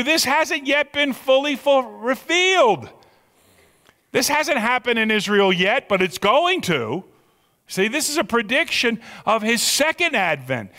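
A man's voice: extremely high pitch, sharp tone. A man preaching an expository sermon, stretching key words for emphasis and putting rhetorical questions to his listeners. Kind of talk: expository sermon with scripture reading. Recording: long hall reverb.

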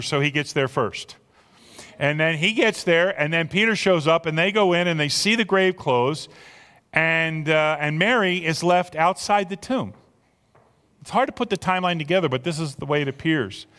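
A man preaching an Easter sermon as pastor, impassioned, swinging from loud emphasis to hushed near-whispers. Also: fairly high pitch, moderate pace. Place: church sanctuary. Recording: long reverb of a church hall.

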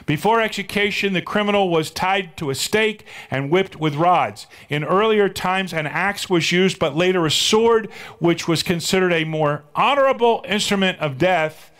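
A middle-aged man preaches a sermon from the pulpit, his voice pitched a little above the usual male range. He retells a story and keeps turning to the congregation with rhetorical questions. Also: normal speed, hardly any pauses, fairly bright tone. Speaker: pastor.

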